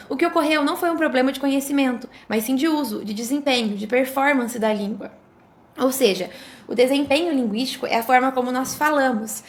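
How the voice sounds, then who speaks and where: A young woman, a student presenter reading an academic explanation aloud in a steady way, now and then restarting a word. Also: high-pitched. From Brazil.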